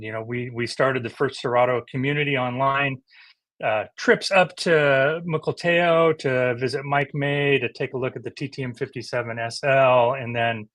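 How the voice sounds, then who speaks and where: A man's voice: medium pitch, fairly bright tone, dry recording. Middle-aged man, livestream host, eager, stumbling restarts, dry close sound. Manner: enthusiastic, halting with many restarts. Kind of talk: casual livestream chat.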